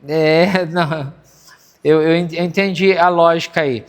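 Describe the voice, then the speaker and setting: A high-pitched man with a Brazilian accent delivers an earnest, conversational sermon, often turning to ask if the congregation is with him. His voice rings out with a long church-hall reverb. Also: steady tone, slow. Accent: Brazilian Portuguese. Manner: earnest, conversational preaching with audience check-ins. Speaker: pastor.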